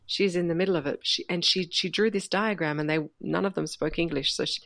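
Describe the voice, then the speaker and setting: Aussie lady host, gushy and chatty, dry close sound, lowish voice. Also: fairly even intonation, brisk, vocal fry, a bit bright, dry recording. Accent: Australian. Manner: bubbly and effusive, laughs often. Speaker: podcast host. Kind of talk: casual podcast chat.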